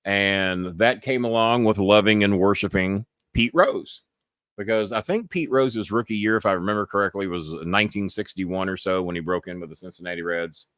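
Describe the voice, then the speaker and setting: A man's voice: fairly low pitch, moderate pace, a bit bright, clear, resonant tone, dry recording, clean studio sound. Blunt, profane middle-aged man rambling. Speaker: podcast host. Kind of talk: casual live-stream monologue.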